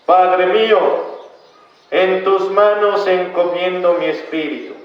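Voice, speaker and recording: A man's voice: on the high side, slow, far from the mic. A man reading the part of a dying man crying out, his voice lifted and drawn out. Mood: anguished. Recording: dull, echoey church from afar.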